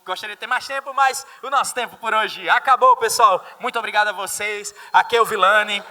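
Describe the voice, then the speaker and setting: A man's voice: sits high, a little fast, sharp tone. A Brazilian man teaching an English exam-prep class, mixing English phrases into Portuguese and quizzing his students. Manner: mixes English phrases into Portuguese explanation, asks students questions. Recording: reverberant hall.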